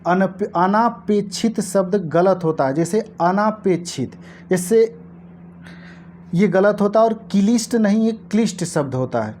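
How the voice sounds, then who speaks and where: A woman teaching an exam-prep lesson, explaining answers to past-paper questions and repeating key words slowly for her viewers. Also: mid-range voice, expressive, mellow, a little hiss or hum.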